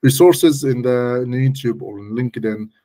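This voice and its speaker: A guest malware analysis expert speaks in a mellow, mid-range voice at a moderate pace. In conversation, he gives casual yet emphatic technical explanations, walking through them step by step.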